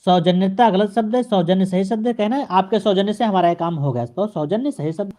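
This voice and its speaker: A male teacher giving an exam-prep grammar lesson, addressing the viewer and repeating each correction in a steady drilling pattern. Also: high voice, fairly quick. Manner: speaks straight to the viewer.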